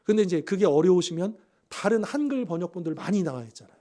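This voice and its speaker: A man's voice: sits high, expressive, fast talker, dark tone. A male pastor giving a sermon in a conversational way, asking the congregation rhetorical questions.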